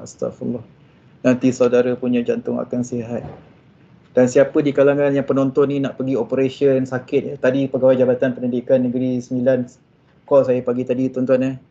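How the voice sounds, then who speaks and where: A Malaysian man giving an animated religious motivational talk to civil servants, mixing in English phrases and speaking straight to the audience. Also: medium pitch. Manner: animated, mixes English phrases, often addresses audience directly. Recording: dull lo-fi sound.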